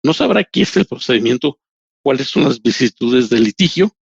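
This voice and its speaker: Answering interview questions, a male human rights lawyer and professor whose first language isn't Spanish speaks in slow, deliberate phrases with many restarts. His mid-range voice swings widely in pitch and sounds creaky and husky. The sound is lo-fi, without echo.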